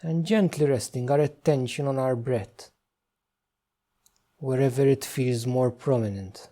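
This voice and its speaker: In a relaxed, dark voice at medium pitch, a man guides listeners through meditation. He keeps his gentle directions brief and lets unhurried pauses fall between them.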